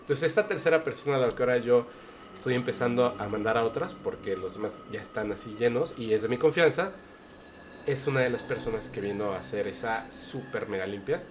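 A man hosting a casual chat, telling lively anecdotes full of slang. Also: mid-range voice, brisk, noisy background.

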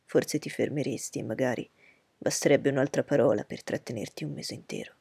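A woman reading aloud voices a proud, reserved gentleman who speaks in a cool, measured, lecturing way. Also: rumbling low, gravelly, breathy edge, no echo, pitched below the performer's own voice, heavily acted.

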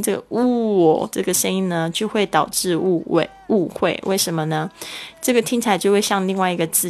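A woman teaching an English podcast lesson, spelling words out letter by letter and repeating phrases slowly. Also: medium pitch. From Taiwan.

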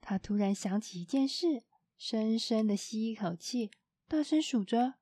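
A woman narrating a children's storybook in a gentle, expressive storytelling manner. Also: a little high, measured pace, no room sound.

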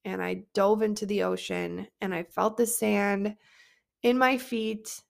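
A woman's voice: medium pitch, fairly even intonation, measured pace. A young woman hosting a personal podcast and coaching other women, telling a story in an earnest, reflective way and often repeating words as she thinks. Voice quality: vocal fry.

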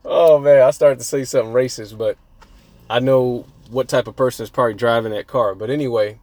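A man's voice: mid-range voice, fairly even intonation, fairly quick, darkish tone. A young man hosting a casual solo podcast, profane and boastful, rambling and breaking off mid-thought. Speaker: podcast host. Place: outdoors near a street.

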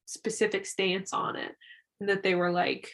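A young woman co-hosting a casual chat, animated and quick to laugh. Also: mid-range voice, vocal fry. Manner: animated, laughs often, mimics characters in quotes. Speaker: podcast co-host.

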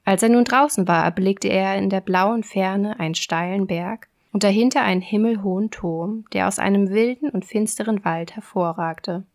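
A woman reads a fairy tale aloud in a calm, steady voice of medium pitch. Her narration is even and unhurried.

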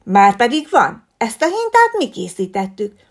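A woman voicing an honest, stubborn little bear boy who speaks loudly and indignantly. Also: fairly high pitch, huge pitch swings, heavily acted.

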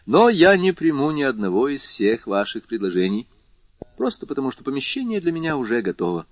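A man voicing a composed, mysterious wealthy count in an audiobook, speaking in a calm, measured way. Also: mid-range voice, no room sound, voice pushed up. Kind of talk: audiobook character voice. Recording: slightly muffled lo-fi recording.

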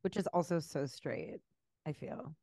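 A woman with a somewhat low voice co-hosts a podcast, given to dramatic, jokey exaggeration and casual swearing. The sound is dry and close. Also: very animated, a little slow, vocal fry, mellow, no room sound. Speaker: podcast co-host. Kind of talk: casual chat.

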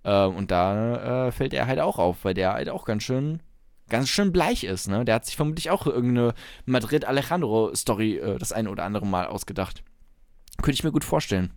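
A man's voice: medium pitch, expressive, moderate pace, darkish tone, dry recording, studio quality. A man co-hosting a casual podcast chat, wry and teasing, who drops English phrases into his talk. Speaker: podcast co-host.

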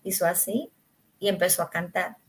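A woman's voice: lowish voice, fairly even intonation, normal speed. A woman parenting coach, a podcast guest, talking reflectively and explaining her points with everyday examples. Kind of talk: podcast interview conversation.

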